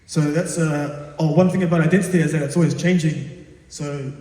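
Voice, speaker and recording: In a big echoing hall, picked up from a distance, a male teacher gives an earnest school assembly talk. His voice sits fairly high for a man. He is encouraging but hesitant, not yet at ease with public speaking. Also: steady tone, brisk, mellow. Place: large reverberant indoor assembly space. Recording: echoey hall, distant microphone.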